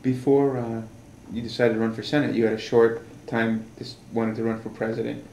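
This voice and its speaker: A man, a newspaper executive editor, asking slow, searching questions in an editorial board interview. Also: mid-range voice, little pitch movement, a little mellow, slight background noise. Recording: echoey room, mic far off.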